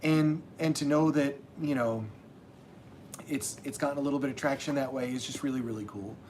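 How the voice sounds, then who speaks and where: Casual livestream host, man, rambling and restarting, middle pitch, faint rumble behind. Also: steady tone, brisk, a little mellow. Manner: rambling, many restarts and fillers. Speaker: channel host and self-published author.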